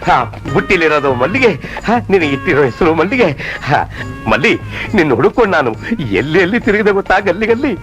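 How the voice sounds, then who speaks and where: An actor playing a stingy, scheming middle-aged moneylender in a comic film scene. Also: male voice, sits high, very animated, fast talker, fairly bright tone, soft background music. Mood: wheedling. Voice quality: exclamatory, theatrical whining.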